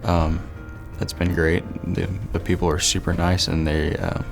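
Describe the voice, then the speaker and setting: Low gravelly guy, super flat, easygoing talk, faint music behind. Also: normal speed. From Southwest Missouri. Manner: relaxed, chatty, many fillers. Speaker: dental worker, scholarship nominee. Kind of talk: interview. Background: soft background music.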